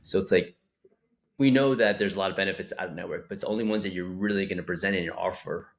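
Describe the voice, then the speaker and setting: A man's voice: deep voice, quick pace. A young man co-hosting a casual podcast about physical therapy business, rambling and acting out caller quotes.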